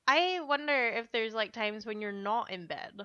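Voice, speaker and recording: A woman's voice: a little high, moderate pace, sharp tone, no room sound, lo-fi sound. A woman hosting a podcast, chatting in a bubbly, giggly way while she plays a video game. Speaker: podcast host. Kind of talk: casual chat while playing a video game.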